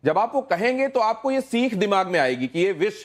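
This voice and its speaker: A man's voice: sits high, sing-song, a little fast. A man interviewing a guest, pressing him with persistent questions and cutting in to push his point.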